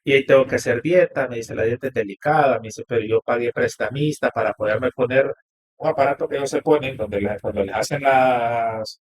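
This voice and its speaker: Husky man telling a story. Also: medium pitch, a little fast. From Honduras. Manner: animated storyteller quoting dialogue. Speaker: podcast guest. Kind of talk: storytelling interview.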